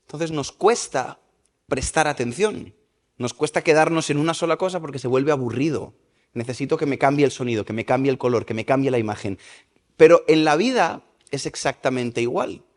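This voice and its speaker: A man's voice: mid-range voice, brisk. Spanish man preaching in a reverberant hall. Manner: lively, asks the congregation questions. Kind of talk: sermon. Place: church service in a large hall.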